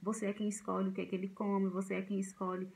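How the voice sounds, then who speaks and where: A woman with a gravelly, creaky edge in her mid-pitched voice, talking to parents in a loose, conversational way. She circles back on her words, with plenty of fillers and restarts as she works through each point. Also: flat delivery, quick pace, a little mellow, poor audio. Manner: conversational, repeats herself, many fillers and restarts. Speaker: parenting educator. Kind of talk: informal talk to parents.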